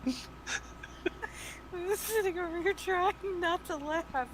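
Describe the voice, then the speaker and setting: A woman's voice: extremely high pitch, unhurried, noisy background. A woman playing a tabletop game, chatting in a casual, playful way.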